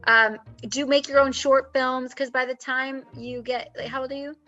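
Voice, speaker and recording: Bright-voiced woman coaching on a video call. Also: sits high, normal speed, highs cut off, soft background music. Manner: animated and chatty, with frequent fillers. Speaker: acting coach hosting a video-call meet and greet. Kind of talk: casual advice chat. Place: home, with construction noise outside.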